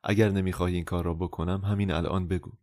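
A man reading the part of a resolute, tender young woman in love, in his own low voice, for an audiobook. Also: level tone, a little mellow, no echo, studio quality, close to an everyday voice.

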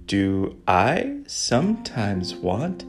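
A woman voicing a gentle sloth who hosts a bedtime story, speaking in a drawn-out, sing-song way over soft guitar music. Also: rumbling low, very animated, voice pushed down, full character voice. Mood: calm, soothing. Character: slow, gentle sloth host of bedtime stories. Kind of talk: soothing bedtime devotional talk. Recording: guitar music playing underneath.

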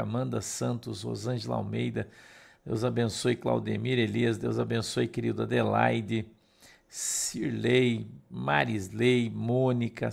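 A Brazilian Portuguese-accented pastor leads a morning livestream devotional, greeting viewers by name and reading scripture aloud in a steady cadence. His voice is medium-pitched and gravelly with a breathy edge.

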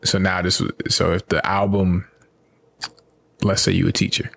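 A man's voice: sits low, flat delivery, a little slow, gravelly, fairly bright tone. A man co-hosting a podcast in casual chat, laid-back and rambling, often asking "you know what I'm saying". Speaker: podcast co-host.

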